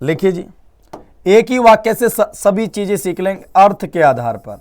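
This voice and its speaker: A young man teaching a live online Hindi grammar class, lively, quizzing students with repeated questions and mixing English words into his talk. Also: sits high, a little slow.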